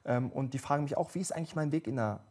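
A young German man, a politician appearing as a guest, talks fast in a husky, medium-pitched voice during a conversational TV interview. Seated on a studio sofa set and wearing a lapel mic, he tells stories eagerly, gesturing animatedly with his hands.

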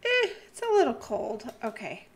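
A young woman casually commenting on her gameplay, exclaiming loudly at the animals and dropping to a hush when she sneaks around. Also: a little high, normal speed, slight background noise. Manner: excitable, exclaiming and talking to the animals; drops to a hushed voice while sneaking. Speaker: gaming channel host.

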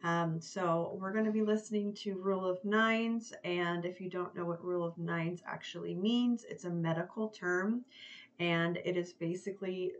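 A woman's voice: lowish voice, moderate pace, highs cut off, slight background noise. A young woman casually chatting as she reviews a metal song, gushing and informal, swearing now and then. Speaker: music reaction reviewer. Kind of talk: casual chat.

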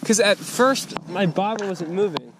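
A young man chatting excitedly while fishing outdoors on a rainy lakeshore, laughing often, recorded on a body-worn camera. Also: sits high, a little slow, crowd noise. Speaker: angler filming a fishing trip. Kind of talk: casual chat. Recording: rain and outdoor noise behind.

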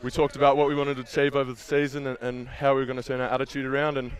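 A man's voice: mid-range voice, little pitch movement, very fast, clear, resonant tone. A young man, a team captain, giving earnest post-match interview answers on an outdoor field through a headset. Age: young adult.

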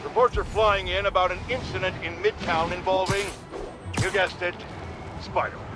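An actor playing an indignant middle-aged tabloid radio commentator, sensational and scornful like a gossip columnist. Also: male voice, high voice, fairly even intonation, normal speed, music in the background, natural voice. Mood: scandalized, scornful. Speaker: talk show host. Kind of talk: opinionated radio show commentary.

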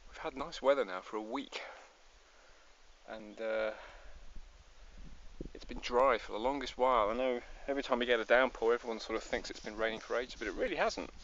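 Rambling, self-deprecating Scottish man, mid-pitched, talking outdoors on a slightly dull recording with faint noise. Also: a little fast, a bit bright. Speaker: vlogger. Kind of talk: casual outdoor vlog chat. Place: outdoors on hills while biking.

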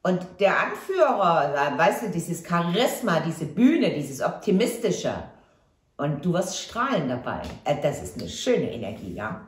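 A woman's voice: on the low side, big pitch swings, a little slow, reverberant. A woman giving a casual tarot reading to camera, chatty and reassuring, often tagging on a questioning "ja?". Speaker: tarot reader.

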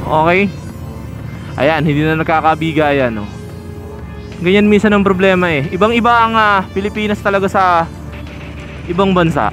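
A chatty man talks riders through road rules from his moving motorbike, his voice sitting fairly high. He points things out as he rides, recorded outdoors on a helmet-mounted camera. Music plays clearly underneath. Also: moderate pace, long pauses. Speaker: motovlogger. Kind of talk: casual commentary while riding. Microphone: helmet-mounted action camera.

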